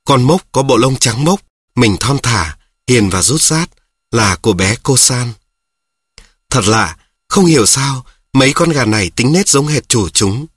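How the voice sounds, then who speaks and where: A man reads a children's story aloud in a steady voice, now and then turning to address his listeners. His voice is husky and of middle pitch. The recording is dry and close. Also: a little slow, dry recording. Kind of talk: scripted narration of a children's story.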